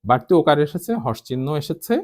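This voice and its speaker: A male teacher giving a spoken pronunciation lesson, breaking words into syllables with deliberate care. His voice sits at a middle pitch but moves up and down in a lively, animated way as he explains. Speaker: Bengali language teacher.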